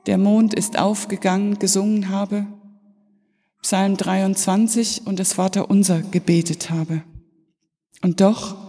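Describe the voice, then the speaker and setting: A middle-aged woman pastor giving an Easter sermon, telling stories slowly and reflectively with pauses. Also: medium pitch, dark tone, slightly rough. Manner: slow, reflective storytelling with pauses. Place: church. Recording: reverberant church hall.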